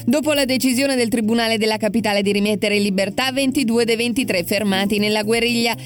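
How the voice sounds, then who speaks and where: A woman's voice: a little high, quick pace. A woman reading a scripted radio news bulletin as the newsreader.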